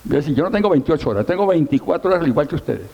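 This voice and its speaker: A middle-aged pastor preaches in a church hall with long reverb. His voice is mellow and fairly high for a man. He tells his story with emphasis and self-mocking humor. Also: expressive, racing, vocal fry, lo-fi sound. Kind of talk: sermon.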